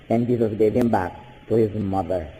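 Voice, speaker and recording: A man's voice: normal speed, a little hiss or hum. Older Filipino man preaching a sermon. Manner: animated preaching with sudden high-pitched bursts; switches between Tagalog and English. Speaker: pastor. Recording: hall with long reverb.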